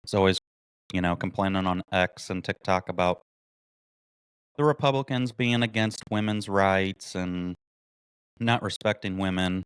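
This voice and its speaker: Male podcast host, indignant commentary, low-set smooth voice. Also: measured pace, pauses often, no echo. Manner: mocking, indignant, reads articles aloud. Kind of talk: political commentary monologue.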